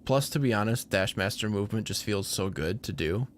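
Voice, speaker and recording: A man's voice: lowish voice, expressive, brisk, a little hiss or hum. A man commentating a live game match in a casual, analytical way with dry teasing.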